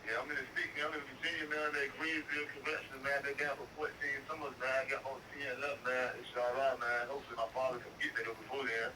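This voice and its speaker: A man's voice: mid-range voice, level tone, fast, few pauses. A man in his thirties calling in on a prison phone, chatting casually and tacking "man" onto nearly every phrase. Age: 30s. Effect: prison phone call. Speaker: incarcerated caller. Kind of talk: casual chat. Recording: distant noisy prison phone line.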